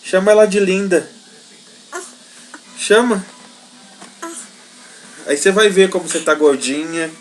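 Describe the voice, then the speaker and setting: A woman's voice: on the low side, unhurried, long pauses, a little hiss or hum, low-quality recording. A woman coaxing a small child in playful sing-song baby talk while filming a home video on a phone. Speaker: caregiver filming a toddler.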